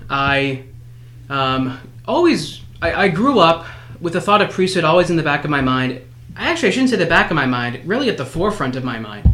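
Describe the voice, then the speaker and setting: Fluent priest from New Hampshire. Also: male voice, fairly high pitch. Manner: steady, fluent and sincere. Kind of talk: casual conversational storytelling. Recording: roomy echo.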